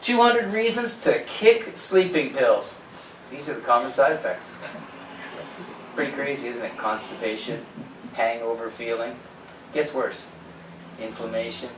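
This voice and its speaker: A man's voice: medium pitch, unhurried, pauses often. A man presenting an informal health seminar in a conversational, opinionated way, with rhetorical questions and quoted asides. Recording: echoey room, distant mic, background noise.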